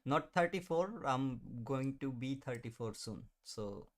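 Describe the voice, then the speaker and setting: Thirties guy on a live trading stream, mid-pitched, easygoing, chats with viewers, laughs a lot, mutters at the chart. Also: animated, measured pace. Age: 30s. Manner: chatty, reads and answers chat, laughs often; mutters at the chart while watching. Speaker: trading livestream host. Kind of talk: casual live-stream commentary.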